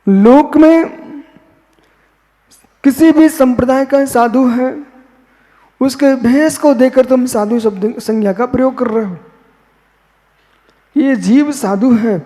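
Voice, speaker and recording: Slow-preaching monk in an echoing hall. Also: male voice, extremely high pitch, mellow. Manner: slow, repetitive, posing questions and answering them. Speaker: Jain monk. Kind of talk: philosophical sermon.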